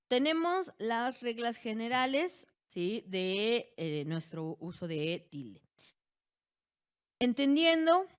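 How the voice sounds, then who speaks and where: A woman teacher with a Mexican accent giving an online class, slowly stretching key words and checking in with her students. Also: a little high. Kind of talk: online class lecture on spelling.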